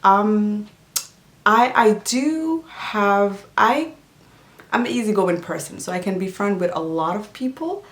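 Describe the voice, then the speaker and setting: A mid-range, expressive voice at a slow pace belongs to a chatty health and nutrition vlogger from Djibouti whose first language isn't English. Her casual Q&A, heavy with fillers and restarts, is recorded in an echoey room.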